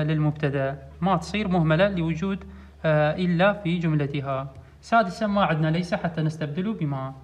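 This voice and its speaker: Fast-talking high-voiced Iraqi male teacher. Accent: Iraqi Arabic. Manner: steady explanatory, repeats rules. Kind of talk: grammar exercise walkthrough.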